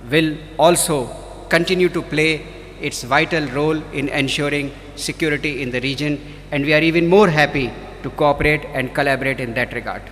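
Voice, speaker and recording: A man with an Indian accent gives a measured, formal diplomatic address. His voice sits a little high. It carries long hall reverb and faint background noise. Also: pushed and bright. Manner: measured, phrase-by-phrase delivery. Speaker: diplomat representing India at a ceremony. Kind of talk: formal ceremonial speech.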